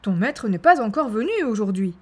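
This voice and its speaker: A woman voicing a kindly male newspaper seller, gentle and surprised, from farther off. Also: medium pitch, very animated, normal speed, slightly rough.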